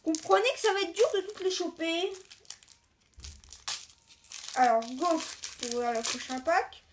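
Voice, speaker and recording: A woman hosting her own video, chatting casually and haltingly as she opens card packs and lists each one. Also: very high-pitched, lively intonation, slight background noise. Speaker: video host. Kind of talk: casual card-unboxing commentary.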